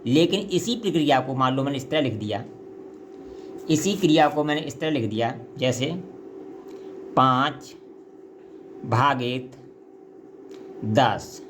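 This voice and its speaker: A man's voice: mid-range voice, lively intonation, slow, long pauses, a little hiss or hum. Man teaching math step by step. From India. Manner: patient, step-by-step, often says "ठीक है" and "देखिए". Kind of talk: explaining a math problem.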